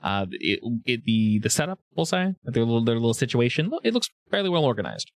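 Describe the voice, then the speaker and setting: A man's voice: medium pitch, very animated, fast talker, no room sound. A man running a tabletop game, narrating casually as game master.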